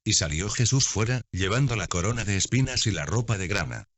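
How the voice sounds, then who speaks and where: A low-pitched man reads scripture in a measured, unhurried narration. The recording is dry, with no room sound, and the sound is dull and lo-fi. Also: lively intonation, fairly bright tone, dry recording. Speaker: Bible reader.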